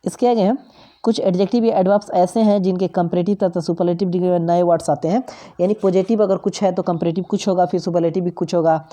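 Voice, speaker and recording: A woman explains grammar rules step by step, repeating each example word. Her voice is very mellow and sits a little low. She has the patient, steady manner of a classroom teacher. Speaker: English teacher.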